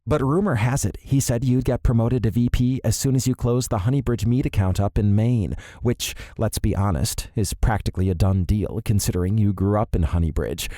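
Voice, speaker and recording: A frank, outspoken female assistant, voiced by a male narrator, in a lowish, mellow tone. The audiobook reading is dry and close, with no room sound. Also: fairly quick, hardly any pauses, no echo, natural voice. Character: brisk, blunt female personal assistant.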